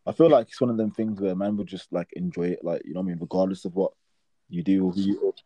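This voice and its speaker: A man's voice: low voice, fairly even intonation, fast talker, warm tone, dry recording. A man chatting casually as a host, in a slang-heavy, laddish London roadman accent, affirming what his friend says. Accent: British urban slang accent, London roadman style. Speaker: podcast host interviewing a friend. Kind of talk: casual chat.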